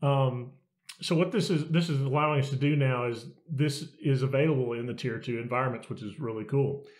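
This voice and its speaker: In his home office lined with bookshelves, a software consultant in his forties gives a relaxed how-to talk on camera. His medium-pitched voice moves briskly, and his conversational delivery keeps restarting sentences and repeating words. The small room sounds roomy and echoey.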